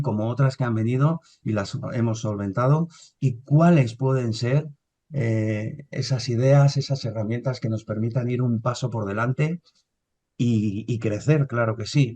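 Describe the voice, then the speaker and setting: A man, hosting a business videopodcast. He introduces his guests with plenty of "eh" and restarts, speaking at a middle pitch. His tone stays in an ordinary conversational range. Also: a little mellow. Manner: hesitant, with many fillers and restarts. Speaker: podcast host.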